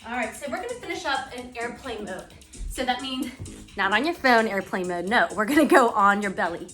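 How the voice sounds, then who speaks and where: A woman's voice: a little high, animated, a little fast, fairly bright tone. A woman teaching an exercise class as an aerobics instructor, calling short encouraging commands and counted cues while exerting herself. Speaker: aerobics and core fitness instructor. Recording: roomy echo, distant mic, music underneath. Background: music.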